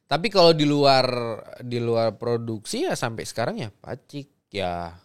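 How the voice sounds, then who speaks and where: A man's voice: medium pitch, very animated, measured pace. A young man, a guest actor in casual chat who laughs, fumbles and repeats himself.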